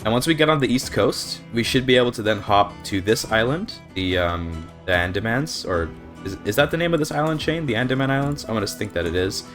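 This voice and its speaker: Over faint background music, a young speedrunner with a slightly scratchy throat describes his game strategy in a brisk, expressive, mid-range voice with a fairly bright tone. He thinks aloud casually, using fillers, on a desk microphone.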